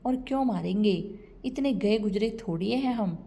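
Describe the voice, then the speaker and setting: A woman's voice: mid-range voice, moderate pace, creaky, dark tone, lightly acted. A woman voicing a scheming young daughter-in-law who pleads and sounds frightened, in a storybook reading. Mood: anxious. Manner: fearful, pleading.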